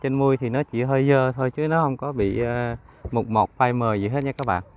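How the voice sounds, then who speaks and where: A man's voice: mid-range voice, steady tone, a little fast, a little mellow, clear, resonant tone. A man with a Southern Vietnamese accent, a used car dealer giving a casual walkaround of a vehicle in a chatty, upbeat sales patter. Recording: engine noise and ambient clatter. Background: idling car engine.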